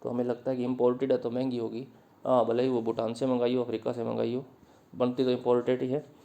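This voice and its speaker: A man gives an English vocabulary lesson in a relaxed, mellow voice at an ordinary pitch. He goes word by word and explains each one with simple meanings and everyday examples. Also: fast, creaky, muffled recording. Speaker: English teacher.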